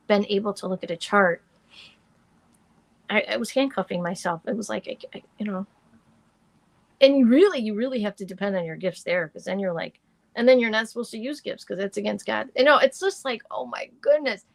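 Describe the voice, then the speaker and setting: Doing live tarot and astrology readings for her audience, a middle-aged woman rambles along in a chatty, filler-heavy way. Her slightly hoarse voice sounds deepened, and the recording has no echo.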